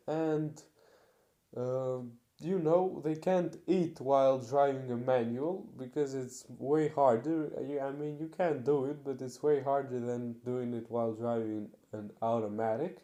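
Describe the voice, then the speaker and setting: Slow, mellow-voiced teen guy. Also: medium pitch. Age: teens. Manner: halting, many fillers and restarts. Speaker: car vlogger. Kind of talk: casual vlog talk.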